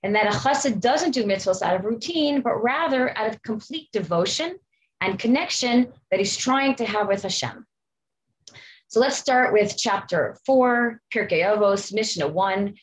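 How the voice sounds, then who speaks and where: A woman's voice: fairly high pitch, lively intonation, normal speed, a little hiss or hum, rough recording. Reflective woman teaching a Mishnah lesson. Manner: warm, personal, reflective, explains Hebrew terms. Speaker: Torah study teacher at a memorial. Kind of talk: heartfelt memorial talk and Mishnah lesson.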